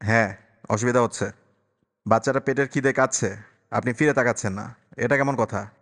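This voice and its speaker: A man's voice: mid-range voice, a little fast, fairly bright tone, lightly acted. A man voicing a grave, protective young uncle who speaks earnestly and firmly. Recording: long reverberant echo.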